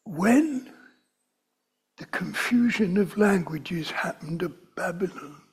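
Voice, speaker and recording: An older man with a London accent preaches slowly, in a high-pitched voice with lively intonation. His sermon wanders conversationally and builds to emphatic stresses, and his tone is very breathy and often whispery.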